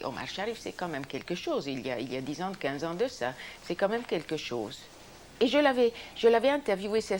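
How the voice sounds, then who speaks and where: Lively older woman with a French accent. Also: medium pitch, slight background noise. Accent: European French. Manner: spontaneous, animated storytelling with restarts. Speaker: interviewee, former TV host. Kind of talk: reminiscing interview.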